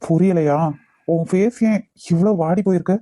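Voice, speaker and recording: A woman voicing a gentle, caring young man in a cartoon love story, talking in a soft, teasing and reassuring way. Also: fairly low pitch, moderate pace, no room sound, clean studio sound, lightly acted. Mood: tender teasing. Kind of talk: cartoon voice acting.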